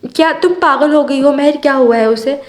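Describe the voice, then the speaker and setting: A woman's voice: high voice, normal speed, close to an everyday voice. A woman voicing a young woman frantic and tearful over her sister in a storybook reading. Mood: desperate. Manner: pleading, tearful.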